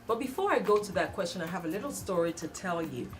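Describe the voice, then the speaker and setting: A woman's voice: fairly low pitch, expressive, fast talker, faint music behind. A woman hosting a studio talk show, welcoming guests and steadily asking them questions.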